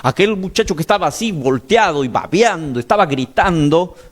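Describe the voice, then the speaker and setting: A man's voice: on the high side, lively intonation, normal speed. A male pastor preaching a sermon, telling a story in an urgent, emphatic way, with a slightly sore throat.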